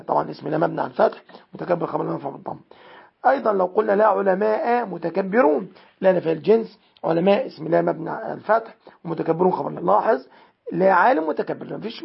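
Heard through a dull, lo-fi recording, a high-pitched man speaks in a creaky, husky voice with an Egyptian accent. Teaching Arabic grammar, he works through example sentences methodically, one word at a time.

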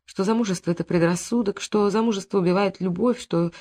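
Even audiobook narrator. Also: mid-range voice, quick pace.

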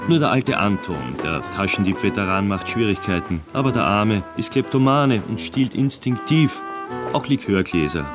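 Low-voiced male radio play narrator over music. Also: expressive, normal speed. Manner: wry, formal storytelling. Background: music under the voice.

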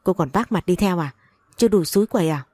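A woman's voice: fairly low pitch, quick pace, darkish tone, no room sound, close to an everyday voice. A woman voicing a harsh elderly grandmother who scolds sharply yet dotes on her grandson, in a spoken story. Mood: hissing. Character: harsh elderly grandmother, scornful but doting.

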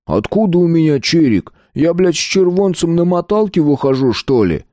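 A man's voice: on the high side, very animated, normal speed, dark tone, no room sound, studio quality, pitched above the performer's own voice. A man voicing an angry, foul-mouthed teenage gang member. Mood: whiny. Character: angry stocky teen street thug.

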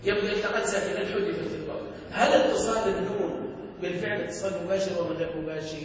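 Brief: male sheikh-teacher, high voice, questioning classroom manner, heard from a distance in a very echoey hall. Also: fast talker. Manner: questioning, drills students with rhetorical checks. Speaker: sheikh teaching Arabic grammar. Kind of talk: classroom grammar lesson with questions to students. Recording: echoey hall, distant mic, faint noise.

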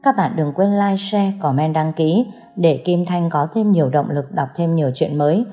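A woman narrating a serialized audio story, reading in a steady, dramatic storytelling manner. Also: low voice, moderate pace. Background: soft background music.

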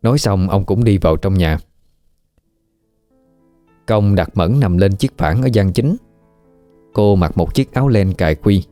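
Deep-voiced man narrating a ghost story. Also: animated, measured pace, pauses often, warm tone, no echo, faint music behind. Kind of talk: scripted horror story narration.

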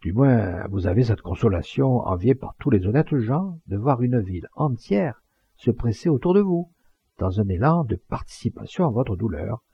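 A man's voice: medium pitch, lively intonation, moderate pace, creaky, slightly rough, dry recording, heavily acted. A man voicing a pompous, talkative townsman who gives grandiloquent funeral speeches, in a dull lo-fi recording. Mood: solemn.

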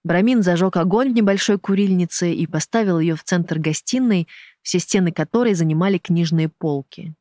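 Measured audiobook narrator, dry close sound. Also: medium pitch, darkish tone, dry recording. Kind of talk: scripted narration.

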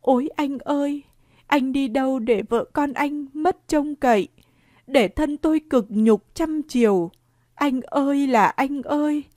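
A woman's voice: high-pitched, animated, measured pace, darkish tone, no echo, clean studio sound, pitched above the performer's own voice. A woman reading the part of a grieving peasant widow, wailing and pleading in a raised voice.

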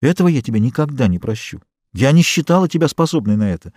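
A man reading a calm, stubborn young woman who firmly holds to her decision, in an audiobook. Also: medium pitch, fast talker, no echo, clean studio sound. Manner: calm, firm, self-assured.

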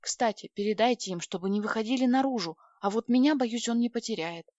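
A shy, courteous alien speaks softly and precisely, a little higher than the reader's own voice, as a woman narrator does him. The sound is dry and close. The recording is slightly dull. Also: fairly quick, no room sound, lightly acted. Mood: polite. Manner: soft-spoken, courteous, precise. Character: polite shy alien male, modest and precise.

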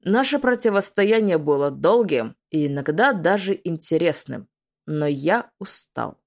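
A woman's voice: on the low side, expressive, a little slow. A woman reading an audiobook, voicing a cruel, domineering male demon lord who barks orders with scorn. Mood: cold scornful.

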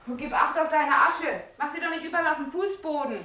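A woman's voice: sits high, fairly quick, bright, forceful tone, slight background noise. An actress playing a fussy, condescending woman who chatters on, in 1960s German radio drama acting. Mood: chattering.

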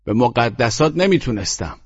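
A man's voice: mid-range voice, very animated, husky, highs cut off, voice pushed up. A man voicing a rude, weary young man who answers curtly and sarcastically in an audiobook story. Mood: gruff. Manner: curt, cursing, sarcastic.

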